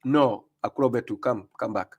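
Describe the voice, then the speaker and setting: A man's voice: medium pitch, normal speed, breathy edge, dull audio. A Ghanaian man hosting a live stream, reacting to clips with mocking commentary, laughing often and repeating himself.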